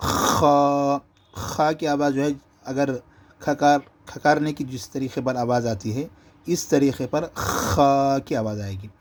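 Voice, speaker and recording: A man teaching Quran reading, explaining letter pronunciation and drawing out each letter slowly to demonstrate. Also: medium pitch, fairly even intonation, a little mellow. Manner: slow, drawn-out letter demonstrations between explanations.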